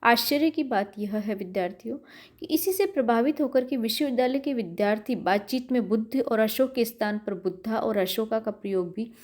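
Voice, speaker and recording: A woman's voice: on the high side, fairly quick, a little mellow. A middle-aged woman lecturer giving a recorded university lecture, explaining carefully and repeating words to show their pronunciation. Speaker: college lecturer.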